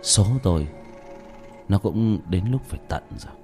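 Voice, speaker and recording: A man voicing a stern, resigned old exorcist who speaks low and matter-of-fact. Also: normal speed, darkish tone, soft background music, natural voice. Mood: grave.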